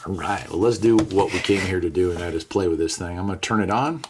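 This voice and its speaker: With a deep voice and a fast delivery, an American radio reviewer and video host enthusiastically chats through a casual product review, repeating phrases for emphasis. The recording has clear background noise and handling clicks.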